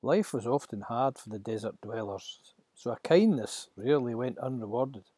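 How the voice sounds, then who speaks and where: A man narrating a scripted Bible story with dramatic, expressive delivery and a husky voice. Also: medium pitch, moderate pace, no room sound.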